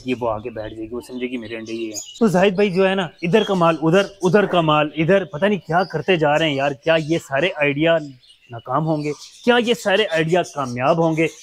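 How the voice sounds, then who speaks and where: A man's voice: a little high, a little hiss or hum. A man chatting casually as he shows his mini zoo, fondly talking to his birds and pets. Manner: chatty, fond, talks to his animals. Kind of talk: casual vlog chat.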